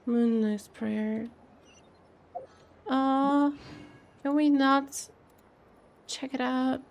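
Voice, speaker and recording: A woman giving casual game reaction commentary, thinking aloud in a halting, musing way. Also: high-pitched, steady tone. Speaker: streamer. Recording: game music behind the voice.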